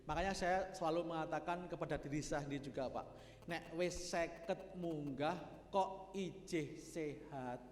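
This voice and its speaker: A man with a Javanese accent delivers a Sunday morning sermon, chatting and joking with the congregation in a folksy way. His voice sits high and his pace is unhurried. The mosque hall around him is roomy, with a long reverb trailing after each phrase. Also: a little hiss or hum. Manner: folksy, joking with the congregation, mixing in local speech. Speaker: preacher.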